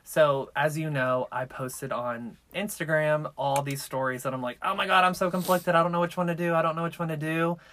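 A man's voice: on the high side, steady tone, brisk, hardly any pauses, a bit bright, a little hiss or hum. Chatty, sassy male podcast host; recorded in a clothes closet, muffled and close. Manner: chatty, joking, sassy asides. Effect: recorded inside a clothes closet, muffled by clothes. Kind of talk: casual podcast chat and case storytelling.

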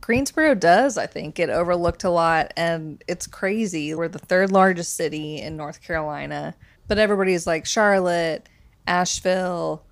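Woman, playful podcast host, lowish voice. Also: moderate pace. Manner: lively, playful. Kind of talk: casual podcast chat.

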